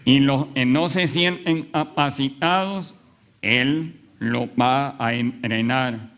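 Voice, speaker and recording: A man preaching a sermon, telling a story with frequent pauses and fillers. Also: mid-range voice, a bit bright. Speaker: pastor.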